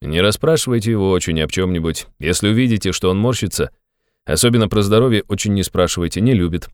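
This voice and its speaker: A man reading an audiobook, voicing a calm, devoted young man in a plain, level tone. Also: fast, clear, resonant tone, no room sound, clean studio sound, lightly acted. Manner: calm, plain, low-key.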